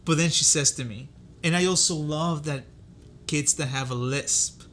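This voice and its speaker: Man, middle-aged, podcast co-host, casual chat, animated storyteller, slightly high pitch. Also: normal speed, a little hiss or hum. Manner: animated storyteller, jumps high when quoting others.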